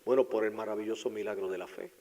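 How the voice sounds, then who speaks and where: A male pastor preaching a sermon, dropping to whispered asides and then rising to loud, impassioned declarations. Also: lowish voice, fairly even intonation, fast, low-quality recording.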